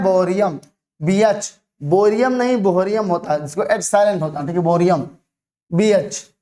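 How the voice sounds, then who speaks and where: A teacher with a middling pitch and a darkish tone leads an online chemistry lesson. Questions are voiced and answered right away, and terms are spelled out and repeated slowly so they stick.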